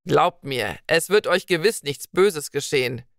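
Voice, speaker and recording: A courteous young knight speaks in a friendly, reassuring way, as a woman reader puts him on. His storybook voice is pitched lower, with old-fashioned phrasing, recorded dry and close. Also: lively intonation, unhurried, no echo.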